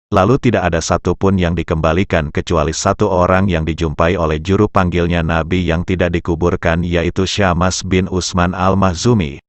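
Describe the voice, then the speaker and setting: A man narrating Islamic history, reading translated passages in a measured, steady way and citing his sources. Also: deep voice, no room sound. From Indonesia. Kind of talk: reading translated texts aloud.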